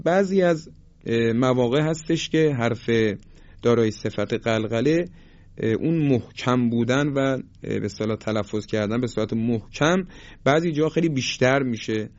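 A man's voice: mid-range voice, a little mellow, lo-fi sound. Patient man teaching Quran recitation. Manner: patient, polite, slows to stretch out each example word. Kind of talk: tajweed lesson with recited examples.

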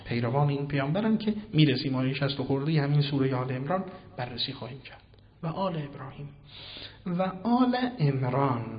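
A man giving a Quran commentary sermon, swinging between hushed and loud declaiming and posing questions he then answers himself. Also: mid-range voice. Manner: asks and answers his own questions. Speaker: preacher. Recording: reverberant hall, dull lo-fi sound.

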